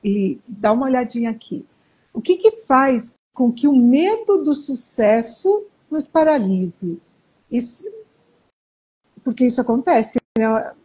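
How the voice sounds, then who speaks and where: A woman hosts a podcast and puts a question to her guest. Her voice is husky and a little high, and her delivery stays calm and conversational. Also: slow, poor audio.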